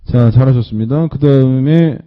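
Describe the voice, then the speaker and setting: A man teaching an English listening class, slowly repeating phrases and checking in with students after nearly every line. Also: mid-range voice. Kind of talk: recorded online lecture. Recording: dull lo-fi lecture recording.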